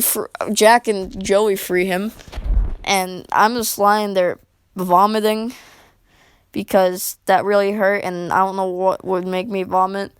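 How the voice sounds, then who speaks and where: Smooth-voiced woman rambling through a story. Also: medium pitch, dry recording, low-quality recording. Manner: rambling, jokey, full of "like" fillers. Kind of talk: casual comedic storytelling to camera.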